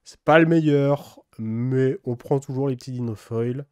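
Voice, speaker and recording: A man speaks in an unhurried, mellow voice as he opens card packs for his channel. He drops in plenty of fillers and carefully sounds out card names, all captured dry and close on the mic. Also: medium pitch, smooth, dry recording. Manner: relaxed, many fillers, reads card names slowly in a put-on English accent. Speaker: card-opening video host. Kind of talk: casual unboxing commentary.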